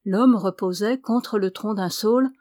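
A woman reads a novel aloud in a measured, even way, with a mid-pitched voice. Her sound is close and dry, with no room around it. It sounds like a careful audiobook narration. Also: no room sound. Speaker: audiobook reader.

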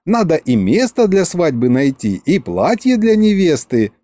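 A man reading an audiobook, voicing a giddy young vampire girl who gushes in drawn-out sighs. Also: fairly high pitch, very animated, dark tone, dry recording, voice pushed up. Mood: dreamy. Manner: sighing, drawn-out, breathless gushing.

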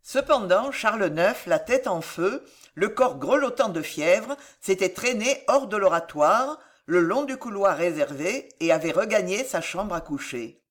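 Brief: woman audiobook narrator, unhurried and lively in pitch, measured storytelling. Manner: measured, expressive reading. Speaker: audiobook reader. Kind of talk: scripted narration of a historical novel.

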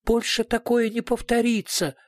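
A man's voice: fairly even intonation, moderate pace, clean studio sound. A man voicing a frightened middle-aged concert hall director who begs and whimpers under interrogation. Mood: desperate. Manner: shrill, whimpering and begging.

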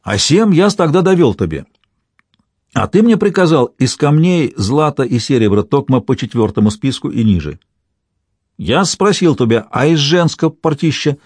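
A man's voice: on the high side, very animated, normal speed, darkish tone, slightly rough, dry recording, voice pushed up. Brief: anxious, pleading court treasurer, as a male reader puts him on, archaic speech, dry recording. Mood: earnest. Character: frightened boyar treasurer, fearful, pleading.

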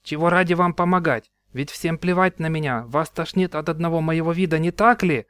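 A man's voice: on the high side, brisk, fairly bright tone, smooth, dry recording, studio quality, pitched above the performer's own voice, close to an everyday voice. A man voicing a resentful, mocking brother who has been turned into a sea monster. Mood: sly. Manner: mocking, sulky, self-pitying.

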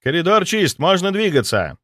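A touchy, eager young ghost talks high and lively, always keen to be useful, as a male narrator puts him on. The voice jumps with excitement in a dry, close audiobook sound. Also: normal speed, dry recording.

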